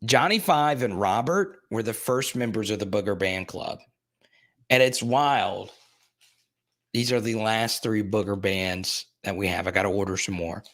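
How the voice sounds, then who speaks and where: Reading out viewer chat comments and responding to them, a young sports live streamer rambles casually in his plain everyday voice, which is fairly low, unhurried and fairly bright in tone.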